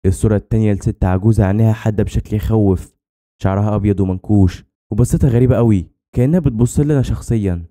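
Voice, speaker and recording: Fast dark-voiced Egyptian male narrator. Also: fairly low pitch. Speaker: storyteller. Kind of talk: scripted horror narration.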